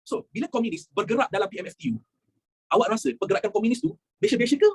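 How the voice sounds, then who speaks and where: A young male teacher with a Malaysian Malay accent, giving an animated history lesson to his students, slipping in English phrases and acting out quotes. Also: very high-pitched, very fast, slightly rough.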